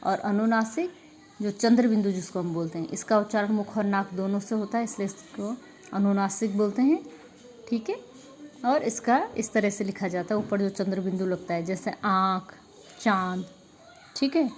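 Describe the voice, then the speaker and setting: A woman's voice: mid-range voice, normal speed, a little mellow, slight background noise. A woman teacher going over a grammar revision lesson with a class, asking questions and answering them herself. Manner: patient, asks and answers her own questions; repeats filler "ठीक है" often. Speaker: school Hindi teacher.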